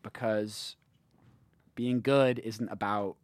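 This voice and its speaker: A man's voice: on the low side, steady tone, slow pace, no echo. Laid-back man breaking down football games. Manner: laid-back, analytical, trails off with ums. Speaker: podcast host. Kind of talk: casual sports podcast chat.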